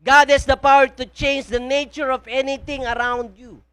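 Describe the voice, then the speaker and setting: A woman's voice: sits high, flat delivery, moderate pace, fairly bright tone. A woman with a Filipino accent preaching a sermon in a church, often asking the congregation questions. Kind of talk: sermon mixing Tagalog and English.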